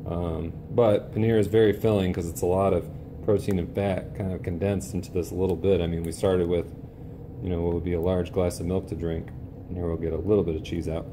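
Speaking fairly quickly, a very low-voiced male teacher demonstrates a recipe at an indoor bench, relaxed and explanatory and leaning on casual fillers. A camera mic picks him up along with a steady, clearly audible background hiss.

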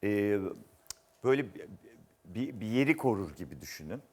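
A man's voice: on the low side, big pitch swings, normal speed, a little mellow, slightly rough. A man hosting a word quiz show, reading clues aloud and teasing the contestant in a playful way. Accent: Turkish. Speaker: game show host.

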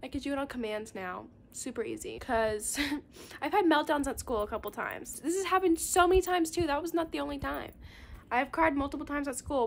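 A teenage girl records a casual diary vlog on her phone, her voice pitched high and light. She rambles and giggles as she talks, with a faint hum of background noise. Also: creaky. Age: teens. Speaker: vlogger.

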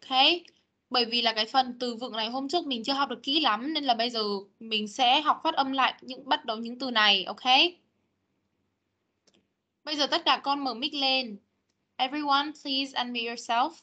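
Patient woman teacher, high bright voice, drilling words over a video call. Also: highs cut off. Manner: patient, corrective, models words slowly. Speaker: English teacher. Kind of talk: online class pronunciation drill. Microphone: computer mic on video call.

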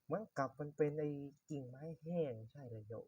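A man's voice: medium pitch, a little fast, breathy edge, no echo, highs cut off. A young man giving casual, swear-laced commentary while playing a survival game, talking to himself as he goes. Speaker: gaming YouTuber. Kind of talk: casual Minecraft let's-play commentary.

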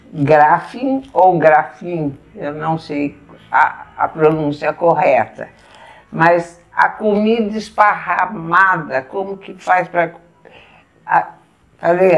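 A woman with a Brazilian Portuguese accent, patiently showing step by step how to eat at the table and pausing to eat as she goes. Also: on the low side. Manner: patient, explains step by step while eating. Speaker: etiquette instructor. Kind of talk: casual demonstration.

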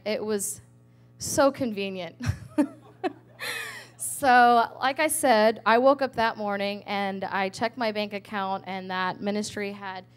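A woman, an evangelist's wife, telling her personal testimony with animated storytelling, laughing often and acting out her prayers. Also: mid-range voice.

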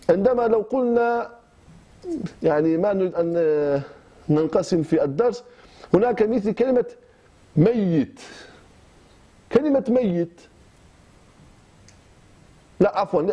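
A man from Iraq with an Iraqi Arabic accent, teaching recitation rules in short phrases with frequent hesitations and restarts. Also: high-pitched. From Kirkuk, Iraq. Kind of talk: explaining recitation rules in class. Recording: dull lo-fi class recording.

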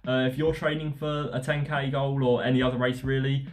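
A man talking casually about his running training in a relaxed, rambling way with lots of fillers. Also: medium pitch, a little fast. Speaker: running vlogger. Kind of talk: casual vlog narration.

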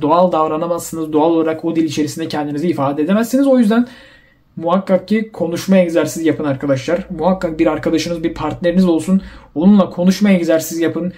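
Fast-talking, high-pitched young man. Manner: animated, acts out quoted voices. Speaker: YouTuber giving language-learning advice. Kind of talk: casual advice monologue to viewers.

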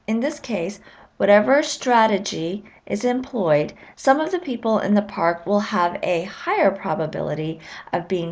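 A woman lecturer giving a recorded lesson, explaining with measured, clear phrasing and the odd filler. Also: mid-range voice.

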